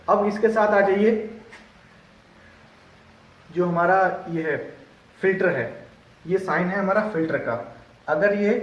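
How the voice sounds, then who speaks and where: A male instructor explaining a lesson step by step, often pausing to check that his students have understood. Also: sits high. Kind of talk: classroom lesson. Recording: echoey room, distant mic.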